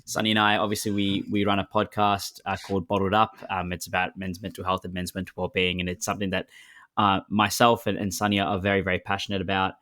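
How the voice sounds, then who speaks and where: A man in his twenties with an Australian accent chats as a podcast guest in a casual interview, hesitant, laid-back, and correcting himself. His voice sits low and sounds a bit bright but monotone, at a quick pace. The studio-quality recording is dry.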